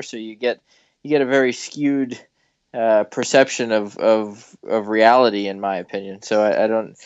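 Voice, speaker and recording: A man with a clear, resonant voice speaks in a halting, searching way, restarting his sentences. He talks casually with colleagues. The sound is dry and a little dull. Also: medium pitch, dry recording. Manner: hesitant, many restarts. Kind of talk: casual discussion.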